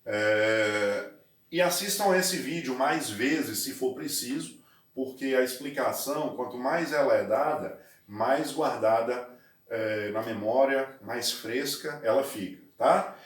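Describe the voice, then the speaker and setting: Brazilian man, English teacher on video, slow and deliberate, roomy sound. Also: mid-range voice, recorded from a distance. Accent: Brazilian Portuguese. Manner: explains step by step, slows down to spell and stress words. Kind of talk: recorded video lesson.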